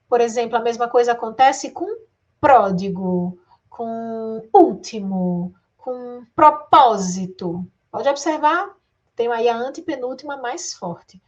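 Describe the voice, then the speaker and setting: This exam-prep grammar teacher is a Brazilian woman with a fairly high voice and a lively, direct delivery. She pulls words apart slowly, syllable by syllable, and constantly puts rhetorical questions to her students.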